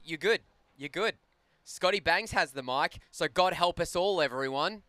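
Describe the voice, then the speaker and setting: A man calls a live ice hockey game in a chatty, joking manner, trading banter with his partner. His voice is bright and crisp, sitting a little high for a man, and the sound is close and dry with no room around it. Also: moderate pace, dry recording. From Australia. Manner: chatty, banters and laughs often. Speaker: play-by-play commentator.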